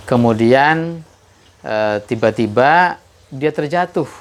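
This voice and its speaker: A man hosting his own channel, telling a moral story slowly and thoughtfully, pausing often with "eh" and lifting his voice on key points. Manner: unhurried, measured, frequent "eh" pauses; rises in pitch and force on key points. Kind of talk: reflective moral storytelling monologue.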